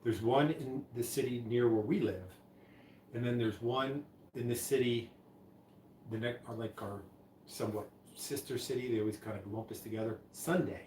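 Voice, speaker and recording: A man hosts a live stream while mixing drinks, talking about them in a rambling, chatty way full of restarts. His voice is medium in pitch, a little mellow, and moderately paced. The room is echoey, he sounds far from the mic, and there's slight background noise.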